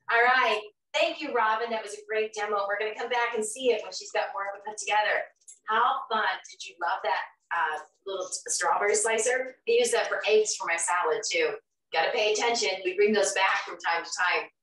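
A woman's voice: mid-range voice, fairly quick. A middle-aged woman hosting a live online show from a large kitchen, bubbly and addressing her viewers. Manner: bright, bubbly, audience-engaging. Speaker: host. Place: large home kitchen, indoors. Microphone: camera across the room. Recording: roomy sound from a distant camera mic.

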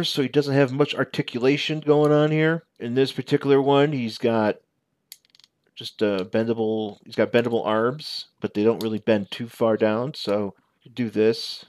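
A man in his forties giving a casual, unscripted show-and-tell commentary as a reviewer, halting and correcting himself as he goes. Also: medium pitch, fairly even intonation, no echo. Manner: halting, conversational, self-correcting. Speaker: toy reviewer. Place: small living room at home. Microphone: headset.

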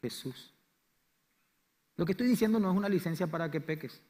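Impassioned Paraguayan preacher in a reverberant church. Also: male voice, expressive, fairly quick. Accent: Paraguayan Spanish. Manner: impassioned preaching, swings between loud declarations and quiet low lines. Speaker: pastor. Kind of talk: sermon. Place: church sanctuary.

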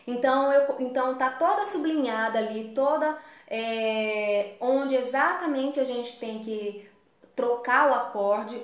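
A woman's voice: on the high side, reverberant. A Brazilian woman teaching a live online guitar class, explaining each step patiently. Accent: Brazilian Portuguese. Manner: patient, explains step by step, vocalizes strumming beats.

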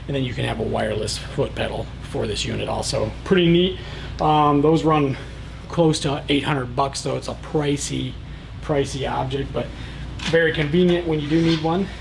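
A man in his thirties with a gravelly, creaky voice demonstrates welding equipment in a large warehouse. He talks in a relaxed, plain-spoken way, full of "uh" and "um", at a mid pitch. The camera mic picks him up from a few feet away, with clear background noise. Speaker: welding supply product reviewer. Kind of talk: casual product demonstration.

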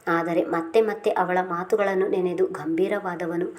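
A woman reading a serialized romance novel aloud in a steady, unhurried way. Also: lowish voice. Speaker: narrator.

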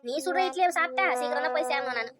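A woman's voice: sits high, rapid-fire, over music. A woman in a comic family skit, scolding and exasperated as a mother-in-law.

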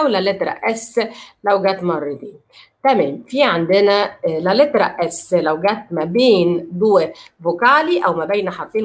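Woman, Egyptian Arabic accent, language teacher, slow careful repetition, patient explaining. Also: medium pitch. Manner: explains patiently, repeats words slowly and checks understanding. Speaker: Italian teacher. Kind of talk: online language lesson.

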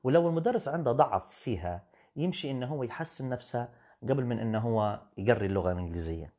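Guy teaching english on a live stream, firm lecturing tone, mid pitch, switches to english a lot. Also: lively intonation, quick pace, dark tone. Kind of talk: live-stream talk answering comments.

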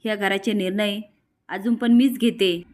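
A woman's voice: mid-range voice, fairly even intonation, normal speed, a little mellow, lightly acted. A woman reading the lines of a stern elderly grandmother who rules the family and gives harsh orders.

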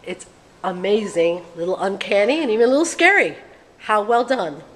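A woman's voice: medium pitch, animated, normal speed. A woman in her thirties hosting a vlog, speaking in a playful, theatrical way as she interviews a curator inside a museum exhibit. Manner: theatrical, chatty, mixes Spanish greetings. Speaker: vlog host. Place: large museum exhibit hall, indoors. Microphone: handheld camera held close. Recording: long hall reverb with background noise.

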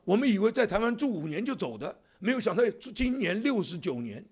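A man's voice: high-pitched, very animated, fairly quick, darkish tone, slightly rough. A man in his seventies, a church elder, preaching a sermon in a church with jokey asides to the congregation. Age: 70s.

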